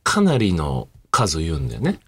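A man's voice: sits low, wildly swooping pitch, moderate pace, crowd noise. A young man, one half of a comedy duo, co-hosting a radio podcast in casual banter. He teases his partner, jabs back, and laughs often, speaking into a studio microphone. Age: young adult. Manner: teasing, laughs often, playful tsukkomi jabs.

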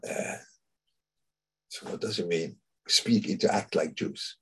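Guy teaching torah casually, very husky voice, stops and restarts a lot. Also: low-pitched, a bit bright. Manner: halting, searches for words, many restarts. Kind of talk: informal Torah talk.

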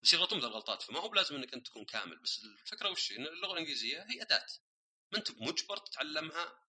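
A man's voice: on the high side, sing-song, racing, pushed and bright, breathy edge, rough recording. A man hosting a casual solo podcast, explaining ideas through everyday examples and dropping English words into his speech. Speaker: podcast host.

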